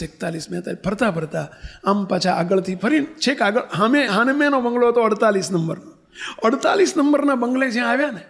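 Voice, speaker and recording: A man's voice: high voice, vocal fry. A man, a monk preacher, recounting a story in a sermon and often repeating his phrases.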